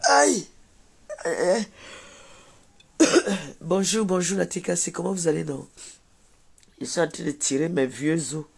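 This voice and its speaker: A high-voiced, slow-talking old woman, put on by a man, who groans about her aching bones and grumbles the same complaints again and again. She is quick to take offence, dwelling on how annoyed she is. A live comedy character bit. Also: gravelly, slightly rough, heavily acted. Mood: groaning. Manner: groaning, sighing, repetitive grumbling. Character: grumpy achy old woman, easily annoyed.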